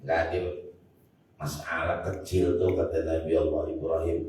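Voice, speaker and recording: His voice is extremely low and a little mellow, with a level tone and a moderate pace. He is a Jakarta man with a Betawi accent delivering a joking sermon in a large mosque hall, frequently turning to speak straight to the audience. The recording is very echoey and faintly noisy, with the voice coming from far off.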